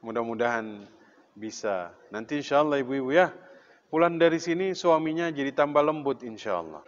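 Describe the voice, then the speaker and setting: A man's voice: mid-range voice, lively intonation, normal speed. Man preaching in an echoey mosque. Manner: asks the congregation questions, tells anecdotes with humor. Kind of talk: mosque sermon. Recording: dull sound with long reverb in a hall.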